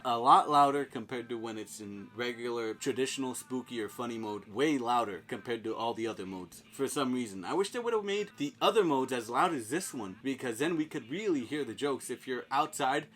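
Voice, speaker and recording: A man of average pitch talks through a hands-on product review. His delivery is casual and informal, circling back over points as he explains them. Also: lively intonation, brisk, few pauses.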